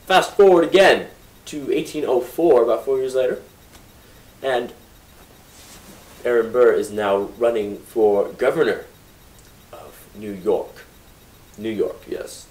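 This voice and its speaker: A man presenting a casual history lesson, telling it playfully with joking asides and sudden loud bursts. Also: medium pitch, poor audio. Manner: self-correcting, with asides and joking corrections.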